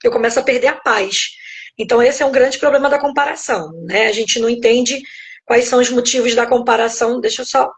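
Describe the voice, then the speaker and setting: A woman's voice: on the high side, fairly even intonation, brisk. Brazilian woman pastor teaching reflectively. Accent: Brazilian Portuguese. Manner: reflective, explains step by step, keeps checking in with "né?". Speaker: pastor and guest speaker. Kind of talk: devotional teaching on a live stream. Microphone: phone.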